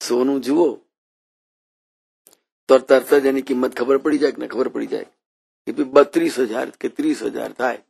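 A man giving a devotional sermon, telling stories with quoted voices and reciting verses, his loudness swinging widely. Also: medium pitch, steady tone, moderate pace, pauses often. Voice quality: gravelly, husky voice. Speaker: preacher.

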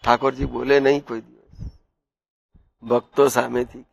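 A man delivers a devotional sermon in a medium-pitched voice with vocal fry, flat delivery and a measured pace, in a dry recording. He tells stories and asks his listeners questions throughout.

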